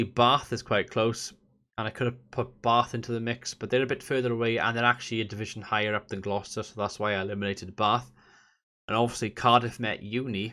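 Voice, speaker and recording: A man's voice: lowish voice, pushed and bright. A man from south Wales with a Valleys accent, giving casual, chatty commentary as host of a gaming vlog. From Merthyr Tydfil, south Wales. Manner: informal, chatty explaining.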